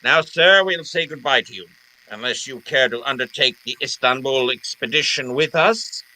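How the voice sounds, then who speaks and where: A man's voice: medium pitch, moderate pace, bright, forceful tone, a little hiss or hum, poor audio. A man playing a suave, jovial older villain in an old-time radio drama, with a pompous, florid, theatrical delivery. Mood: jovial, grandiose.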